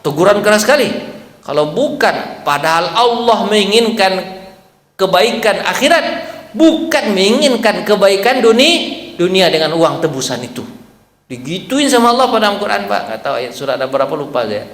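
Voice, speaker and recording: A man's voice: high-pitched, big pitch swings, moderate pace, a bit bright. A man preaching a sermon in a mosque, talking in a conversational way and often turning to the congregation with questions. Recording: echoey hall reverb.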